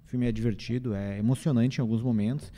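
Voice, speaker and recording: A man giving a relaxed, hesitant film review in casual chat. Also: medium pitch, fast. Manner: easygoing, hesitant, many fillers. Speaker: film critic.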